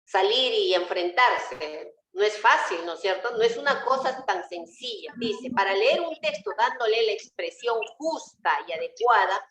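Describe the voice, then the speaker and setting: A woman's voice: a little high, expressive, normal speed, few pauses, fairly bright tone. A woman teacher giving an online class. She talks patiently and often puts rhetorical questions to her students. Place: home, on a video call. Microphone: computer mic on a video call. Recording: roomy video call audio.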